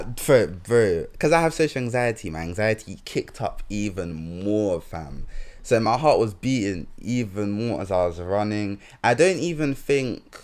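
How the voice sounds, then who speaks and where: A young man with a London accent, co-hosting a podcast and telling rambling stories full of slang in casual chat. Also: mid-range voice. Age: young adult. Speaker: podcast co-host.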